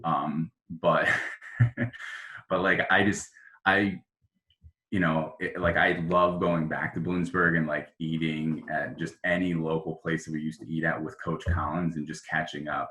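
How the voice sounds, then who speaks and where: A man's voice: rumbling low, bright, forceful tone, roomy sound. A man, a former assistant baseball coach, reminiscing in a rambling way with many fillers on a video call. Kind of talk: casual video-call interview.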